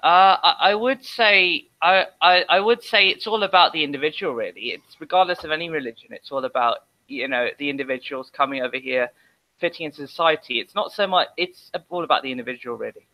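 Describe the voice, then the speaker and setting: A man's voice: fairly high pitch, a little fast. Earnest guest man over muffled call audio. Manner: earnest, repeats himself, starts with hesitations. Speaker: guest answering questions. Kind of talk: casual interview answers.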